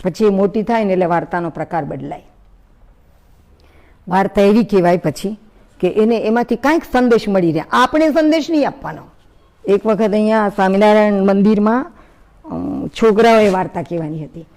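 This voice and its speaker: A woman giving a storytelling talk to an audience, lively and speaking straight to her listeners. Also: mid-range voice, a little fast. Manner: lively, acts out story voices, addresses listeners directly.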